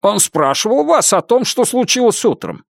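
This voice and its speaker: A man voicing a pushy male lawyer who presses with sharp, needling questions. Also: high-pitched, very animated, normal speed, vocal fry, no room sound, studio quality, voice pushed up, heavily acted.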